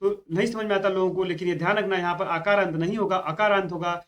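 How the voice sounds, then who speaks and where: Man, high voice, exam-prep spelling lesson, drawls key words, repeats reminders. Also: steady tone, a bit bright. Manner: explains each spelling slowly, repeats "keep this in mind". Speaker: Hindi exam teacher.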